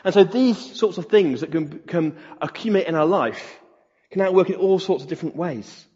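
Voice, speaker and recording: A man's voice: high voice, moderate pace, darkish tone, husky. A man preaching a sermon in an earnest way, repeating key phrases for emphasis. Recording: reverberant hall, dull lo-fi sound.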